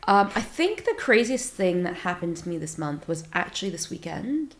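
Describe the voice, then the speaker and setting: Lively American woman telling stories. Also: lowish voice, normal speed. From Silicon Valley, California, USA. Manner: animated storyteller, acts out her own reactions, many fillers. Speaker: startup founder, guest. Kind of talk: casual interview chat.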